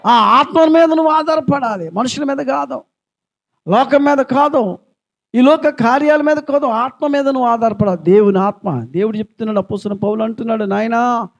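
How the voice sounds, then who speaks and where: A man with a Telugu accent preaching a sermon as a pastor, firing repeated rhetorical questions and swinging between loud calls and hushed lines. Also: very high-pitched, normal speed. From India. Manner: fervent, repetitive rhetorical questions.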